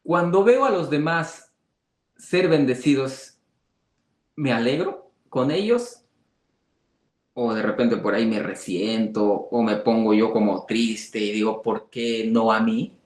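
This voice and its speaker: A man's voice: medium pitch, slow, darkish tone, roomy sound. A man teaching a conversational Bible study, asking rhetorical questions and acting out the voices of people he quotes.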